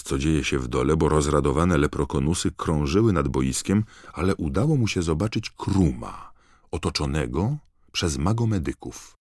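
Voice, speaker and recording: A man reading a novel aloud in steady, measured narration. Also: rumbling low, no room sound, studio quality. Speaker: audiobook narrator. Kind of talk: scripted narration.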